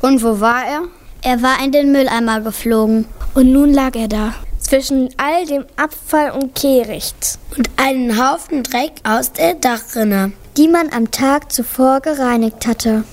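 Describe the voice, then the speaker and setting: A woman narrating a fairy tale in an expressive, gentle storybook reading. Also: high voice, measured pace. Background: music.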